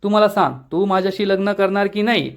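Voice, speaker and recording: Guy reading a pushy teasing village girl, highish voice, fast. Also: steady tone. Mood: pressing. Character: stubborn teasing young village woman.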